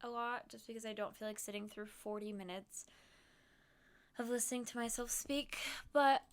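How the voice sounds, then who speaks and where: A woman's voice: on the high side, fairly even intonation, normal speed, smooth. A young woman streaming from home, chatting casually and rambling with plenty of fillers and giggles.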